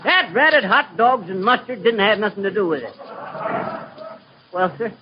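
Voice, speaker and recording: A man's voice: high-pitched, lively intonation, moderate pace, dull audio. An actor playing a boastful middle-aged man who rambles through tall tales in a folksy way, with slips of the tongue, in 1930s radio comedy style. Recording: scratchy noisy 1930s radio broadcast.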